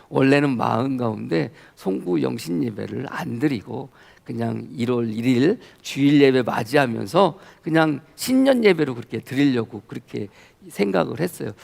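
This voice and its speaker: Gravelly-voiced male pastor preaching. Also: medium pitch. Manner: storytelling, grows animated and loud when retelling. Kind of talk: sermon.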